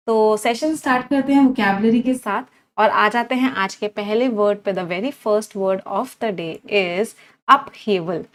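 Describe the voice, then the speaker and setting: A woman teaching an online English vocabulary class, repeating her cues and asking her students questions. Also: on the high side. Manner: drills words aloud with repeated cues, asks students questions.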